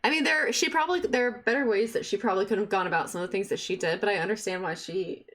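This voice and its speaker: A woman's voice: medium pitch, fast talker, fairly bright tone, a little hiss or hum. A young adult woman streaming a game, chatting expressively and swearing freely. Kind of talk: game commentary.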